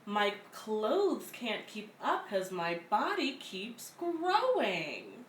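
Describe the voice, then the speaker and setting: At a community center, a woman with a medium-pitched voice reads a picture book aloud to young children, expressive and deliberate. The mic sits at a distance in an echoey, roomy space, and faint noise lingers in the background.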